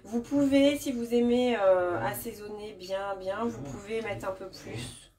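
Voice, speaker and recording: A woman's voice: medium pitch, unhurried, warm tone. A woman demonstrating a recipe in her kitchen during a live stream, chatting casually with many fillers and restarts and replying to viewers' comments. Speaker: cooking demonstrator. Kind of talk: live cooking demo chat. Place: home kitchen. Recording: distant mic with kitchen clatter. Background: clinking dishes and utensils.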